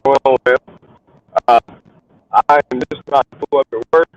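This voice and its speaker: A man's voice: mid-range voice, fairly even intonation, normal speed, no echo. A man calling in from a car, talking casually over a choppy, robotic call connection that keeps breaking up. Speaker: caller. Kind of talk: casual chat. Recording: dull, distant call line.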